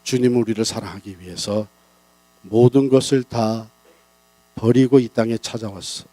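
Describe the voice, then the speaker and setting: A man preaching at a church revival, rising and falling sharply in pitch and loudness as he presses his points. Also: fairly even intonation, normal speed, no room sound, rough recording. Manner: dramatic, big swings in pitch and loudness. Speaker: pastor. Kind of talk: revival sermon.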